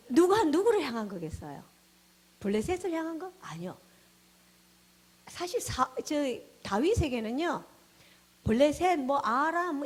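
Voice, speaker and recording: A woman pastor delivers a sermon with a lively, swooping pitch that often sinks to a near whisper. Her fairly high voice has a husky, breathy edge. She preaches with strong emphasis, her volume rising and falling sharply. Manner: animated preaching, dropping to hushed tones and rising to exclamations.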